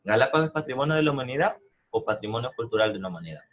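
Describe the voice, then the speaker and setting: A man's voice: medium pitch, animated, rapid-fire, phone-quality sound. A man, teaching an online math class, explaining patiently and often asking whether the students follow. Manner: explains patiently, checks understanding with frequent "¿no?" and "¿verdad?". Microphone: video call.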